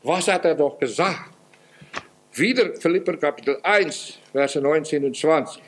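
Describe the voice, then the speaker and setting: A man preaching a sermon as pastor, earnest, his voice swinging up and down in pitch and loudness. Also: a little slow. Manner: acts out quoted prayers in a pleading voice.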